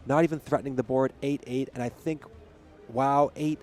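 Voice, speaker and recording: A man's voice: mid-range voice, fairly even intonation, fast, a little mellow, soft background music. A man giving analytical play-by-play commentary on a card game tournament. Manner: analytical, counting out plays.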